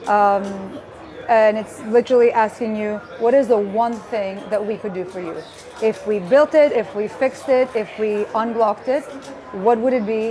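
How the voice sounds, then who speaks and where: A woman's voice: a little high, moderate pace, dark tone. A woman from Greece in her thirties, a guest speaker in a live interview, talking in an earnest, upbeat way with some restarts. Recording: live event with a crowd behind.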